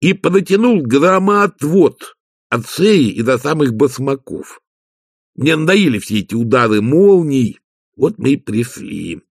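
A man voicing slow gloomy servant Igor. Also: medium pitch, big pitch swings, vocal fry, slightly rough, dry recording, studio quality, voice pushed up, heavily acted. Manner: slow, deliberate delivery. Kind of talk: audiobook character voice.

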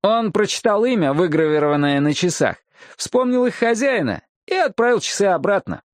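Man putting on a smug frontier rival for a storybook reading: high, sneering, jumpy delivery, dry close sound. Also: sing-song, normal speed, no echo. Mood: gloating. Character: gloating male frontiersman rival, smug and mocking. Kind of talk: audiobook character voice.

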